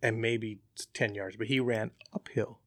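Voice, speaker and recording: A man telling a hunting story as an interview guest, relaxed and chatty with frequent fillers. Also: fairly low pitch, a little slow, no room sound, clean studio sound. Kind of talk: casual storytelling.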